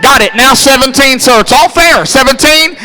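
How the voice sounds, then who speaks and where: A man working as an auctioneer, calling bids in a rapid, repetitive rolling chant. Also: extremely high pitch, faint music behind. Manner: repetitive, rolling patter with shouted numbers. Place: live classic car auction.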